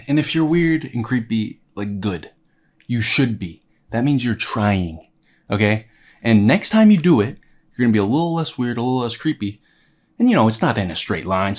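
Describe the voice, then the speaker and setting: A young man in his twenties delivers a comedic self-help rant about dating. His voice sits in an ordinary middle register. He swears freely and speaks in a pushy pep-talk manner. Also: medium pitch. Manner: brash, profane, pep-talk tone. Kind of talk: comedic dating advice monologue.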